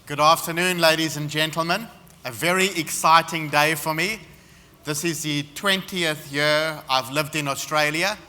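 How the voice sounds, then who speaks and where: Speaking as a guest at a seminar in an expo hall, a South African man with a South African accent gives a confident talk full of anecdotes. His voice is fairly high, steady, bright and forceful, and he talks at normal speed. The hall is reverberant.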